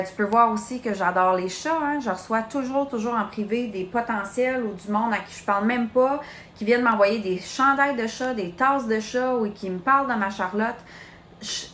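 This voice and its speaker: A woman's voice: on the high side, normal speed, fairly bright tone, reverberant, slight background noise. A woman in her late twenties with a Québécois French accent, coaching her sales team in a chatty, direct live training. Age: late 20s. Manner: chatty, direct, addresses listener as "tu". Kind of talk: live social media training.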